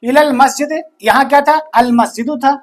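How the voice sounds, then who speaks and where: A man teaching a grammar lesson, slowly repeating each phrase and answering his own questions. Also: extremely high pitch, fairly even intonation. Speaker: Arabic teacher.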